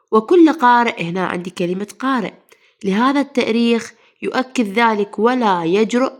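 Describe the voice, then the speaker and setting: A woman teacher with an Iraqi Arabic accent, a little unwell, explaining a grammar lesson and asking the class questions she then answers. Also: medium pitch. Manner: asks the class then answers herself, calls pupils "mama".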